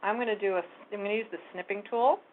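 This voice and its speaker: A woman giving a casual step-by-step software tutorial, talking through each click as she goes. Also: mid-range voice, fairly even intonation, quick pace, a little hiss or hum. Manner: casual step-by-step explaining, talks while clicking. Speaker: real estate tech trainer. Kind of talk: screen-share software tutorial. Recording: phone-like narrow band audio.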